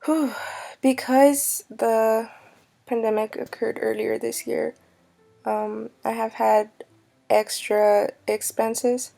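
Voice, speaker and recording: A woman's voice: on the high side, little pitch movement, takes it slowly, creaky, mellow. A woman in her twenties, a student advocate, speaking hesitantly about her own struggles in a testimonial interview. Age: 20s.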